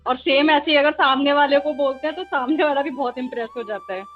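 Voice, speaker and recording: A woman's voice: high voice, fast, phone-quality sound, faint music behind. A woman tarot student talking casually about her experience, hesitating often with fillers. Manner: talkative, hesitant with many fillers. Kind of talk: casual testimonial chat.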